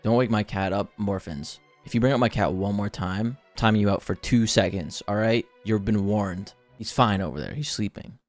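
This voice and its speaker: A man's voice: on the low side, normal speed, hardly any pauses, soft background music. A man in his twenties telling a story to a chat in a casual, slangy, conversational way. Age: 20s. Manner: conversational, slangy, acts out quoted dialogue.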